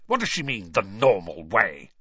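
A man's voice: on the low side, wildly swooping pitch, bright, forceful tone, muffled recording, heavily acted. A man voicing an irate, blustering middle-aged British uncle who spits, hisses and halts over his emphatic words in an audiobook. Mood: outraged. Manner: spitting, hissing, halting and emphatic.

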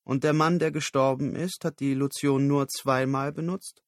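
A brusque, dismissive executive fires off questions in a matter-of-fact voice, as a male reader voices her. The recording is close and dry, with an average male pitch. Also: steady tone, moderate pace, no room sound, natural voice. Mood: probing.

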